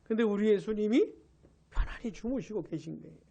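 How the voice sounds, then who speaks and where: A woman pastor preaching a New Year's Eve sermon. She tells the story with animation, asks the congregation questions and answers them, and drops to a hush for emphasis. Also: mid-range voice, lively intonation, brisk, husky. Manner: drops to a hush for emphasis, then rises again.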